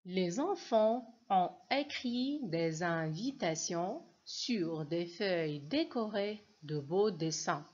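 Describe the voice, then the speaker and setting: A woman's voice: on the low side, expressive, takes it slowly, few pauses, darkish tone. A woman teacher gives a reading lesson to children, patiently spelling out sounds and syllables. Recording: dull lo-fi recording.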